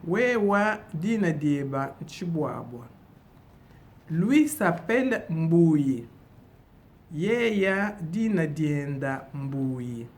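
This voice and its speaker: A woman from DR Congo teaching a bilingual vocabulary lesson, saying each phrase slowly and deliberately and repeating it. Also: low voice, lively intonation, darkish tone. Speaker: language teacher.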